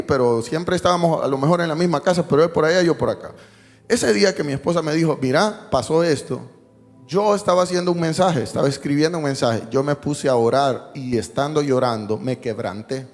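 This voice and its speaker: A male pastor preaching a sermon, telling a personal story with jokes and dropping to a hushed tone for emotional moments. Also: on the high side. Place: church sanctuary. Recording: long hall reverb, faint music behind.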